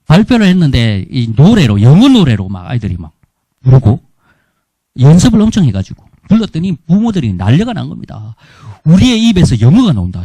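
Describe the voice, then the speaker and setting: A middle-aged man with a Gyeongsang Korean accent tells missionary stories from the pulpit with humor. His voice sits a little high and swings widely in pitch. The sound is dry and close, with little room echo. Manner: lively storytelling with humor. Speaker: missionary speaker. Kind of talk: testimony sermon. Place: church.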